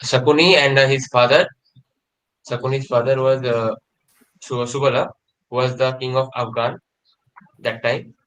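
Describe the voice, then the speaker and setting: A man, asking a question from the audience in a hesitant, halting way. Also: mid-range voice, fairly even intonation, a bit bright, low-quality recording.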